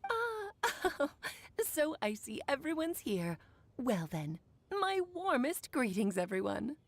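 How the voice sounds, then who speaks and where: A woman's voice: sits high, sing-song, slow, no room sound, heavily acted. An actress playing a playful, worldly mage mother in a video game, with a theatrical storytelling manner. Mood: playful, warm.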